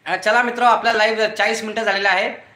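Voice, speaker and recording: A middle-aged man with a high voice hosts a casual YouTube live stream from a room beside his front door, talking fast with fairly even intonation in a roomy-sounding space. He's chatty, reading viewer comments aloud, greeting each viewer by name and thanking them warmly.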